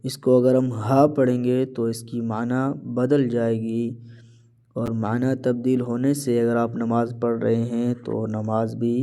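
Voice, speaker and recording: Very dark, smooth-voiced male Quran teacher. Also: mid-range voice. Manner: methodical, repeats each point patiently. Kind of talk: tajweed lesson.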